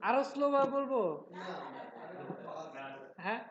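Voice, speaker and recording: Fast-talking Bangladeshi instructor in a roomy, lo-fi recording. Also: male voice, extremely high pitch, fairly even intonation, a crowd in the background. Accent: Bangladeshi Bengali with regional traces. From Bangladesh, from Noakhali. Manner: fast-talking, chatty, checks in with students. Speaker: software instructor. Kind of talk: live class tutorial. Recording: roomy, dull lo-fi sound with faint noise.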